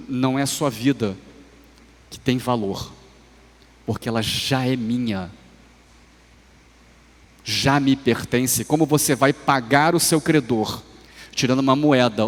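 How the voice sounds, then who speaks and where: Man, Brazilian Portuguese accent, preacher, very slow deliberate sermon, emphatic swells and soft drops, long reverb of a church hall. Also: mid-range voice. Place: church sanctuary.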